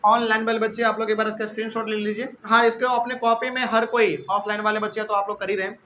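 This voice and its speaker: A young man teaching chemistry to a class, repeating key terms slowly and often checking in with his students. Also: high voice, level tone, pushed and bright, lo-fi sound, a little hiss or hum. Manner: repetitive, drawn-out, checks in with students. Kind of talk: classroom lecture. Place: classroom with live and online students.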